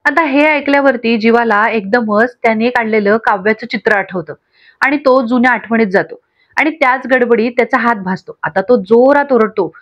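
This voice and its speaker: A woman retelling a TV serial episode in a lively, expressive way. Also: a little high, moderate pace, muffled recording. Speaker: storyteller.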